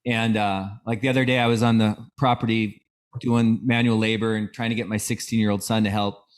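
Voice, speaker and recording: A man's voice: lowish voice, flat delivery, a little fast, clear, resonant tone. A middle-aged man hosting a casual podcast interview, speaking in a reflective, affirming, conversational way. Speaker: podcast host.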